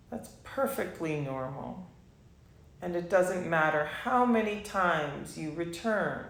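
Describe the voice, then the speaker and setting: A woman leads a guided meditation class, speaking softly and without hurry, leaving long pauses between phrases. Her voice is deep and reverberant.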